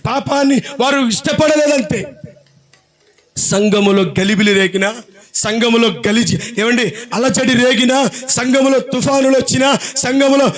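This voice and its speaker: High-pitched preaching man. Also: normal speed. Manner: rhetorical questions, repetitive preaching cadence; swings into shouted, sung-out climaxes. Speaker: pastor. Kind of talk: sermon.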